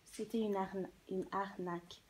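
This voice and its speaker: A woman playing a grieving Italian miner's widow in a news interview, speaking halting, emotional French with a foreign Italian accent. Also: mid-range voice, fairly even intonation, slight background noise, lightly acted, rough recording. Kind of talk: testimony in a staged news interview.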